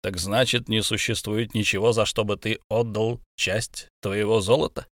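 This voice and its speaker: A man playing a grave, steady human leader who speaks calmly and in a measured way. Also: lowish voice, dry recording, clean studio sound, close to an everyday voice. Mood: calm firm.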